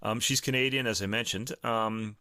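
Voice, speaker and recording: A man co-hosting a music podcast in casual chat, halting and stumbling over foreign words with a laugh. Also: lowish voice, steady tone, pushed and bright, clear, resonant tone, no room sound, clean studio sound. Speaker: co-host of a classical music podcast.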